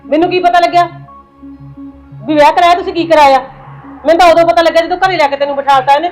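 A woman's voice: very high-pitched, fairly even intonation, racing, soft background music, rough recording. An actress playing a domineering middle-aged mother-in-law who scolds her daughter-in-law in a family drama. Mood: scolding. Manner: scolding, sharp, bossy. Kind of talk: short film drama.

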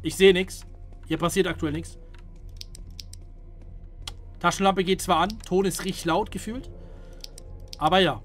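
A young man giving casual gameplay commentary to his viewers, jumping between hushed whispers and loud startled calls. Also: high voice, steady tone, unhurried, long pauses, faint music behind. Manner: jumpy, hushed then loud, talks to viewers. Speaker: gaming streamer.

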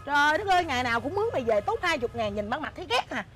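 A bright, high-pitched wife, as a woman acts her out fires off quick nagging retorts. She plays a sharp-tongued beggar in a stage comedy sketch, with faint noise behind. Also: big pitch swings. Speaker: comic actor.

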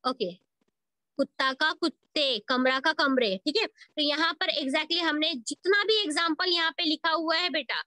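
A woman's voice: high-pitched, unhurried, bright, forceful tone, dry recording. A woman teaching a school Hindi grammar lesson online, asking questions and answering them herself, mixing English words into her Hindi. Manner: asks questions and answers them herself, addresses pupils as beta. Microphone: video call recording.

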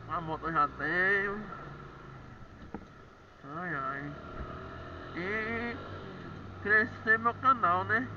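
A Brazilian man with a high-pitched voice, a motorcycle vlogger and delivery rider, chats casually with viewers while riding outdoors at night, addressing them again and again. The action-camera audio is muffled, with loud engine and road noise throughout.

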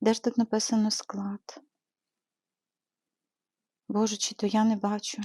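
A woman's voice: mid-range voice, completely flat delivery, a little slow, mellow, no echo, studio quality. A woman from Ukraine chatting casually as she shows her knitting supplies in a vlog, with frequent hesitant fillers and fond diminutives. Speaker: knitting channel host. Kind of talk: casual show-and-tell vlog.

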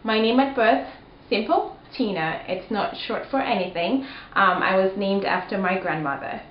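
A young woman from Cameroon, who has also lived in Kenya and Rwanda, chats casually to camera as a video blogger, answering tag questions in an informal, emphatic and expressive way. Her voice is medium in pitch at a moderate pace. She's indoors in a small living room, and the home recording sounds dull and roomy with faint noise.

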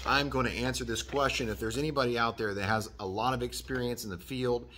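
Reading out a viewer's email, this HVAC vlogger in his thirties talks fast in a steady, medium-pitched voice, and there's background noise. He offers trade advice earnestly and encouragingly, repeating his main points, shot close in a decorated workshop room.

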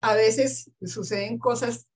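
A woman, an English teacher telling stories earnestly in a casual interview, with soft laughs. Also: a little high, steady tone, slow pace, husky.

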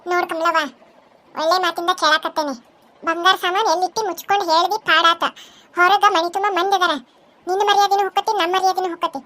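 Stern caring village mother, high voice, firm scolding, North Karnataka Kannada accent, cartoon. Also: fairly even intonation, fast, sharp tone.

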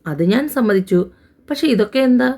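A woman voicing a firm, brisk male senior doctor who teases his friend. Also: medium pitch, expressive, darkish tone.

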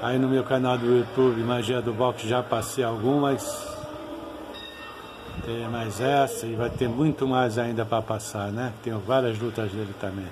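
Brazilian male boxing commentator for a home channel: unhurried, informal and nostalgic, frequent tag questions, over clear background noise. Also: mid-range voice, level tone. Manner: repeatedly ends phrases with tag questions.

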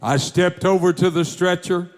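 A man's voice: high-pitched, fairly even intonation, normal speed. A man preaching, telling a testimony in a fervent storytelling manner. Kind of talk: sermon testimony.

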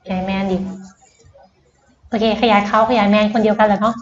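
A woman's voice: mid-range voice, flat delivery, moderate pace. Patient woman tutor, roomy dull recording. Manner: patient, quizzes the student step by step; mixes English words into her explanations. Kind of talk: tutoring lesson.

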